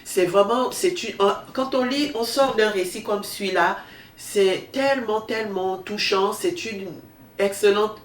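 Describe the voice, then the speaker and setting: A woman hosting a book show with a thin, reedy, nasal voice, talking off the cuff, halting and repeating her phrases for emphasis. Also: medium pitch. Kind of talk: unscripted book discussion. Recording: roomy echo, distant mic, faint noise.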